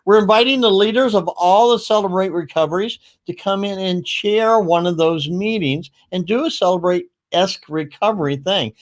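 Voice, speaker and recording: Upbeat rambling man on a livestream. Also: high voice. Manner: rambling, upbeat, quick asides. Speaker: livestream host. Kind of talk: casual livestream talk.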